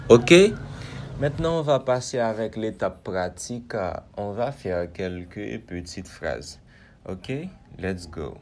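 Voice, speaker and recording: Slow, patient man drilling verb lessons. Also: medium pitch, slight background noise. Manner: slow, repetitive drilling, asks "Ok?" often. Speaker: English teacher. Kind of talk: conjugation lesson with repetition.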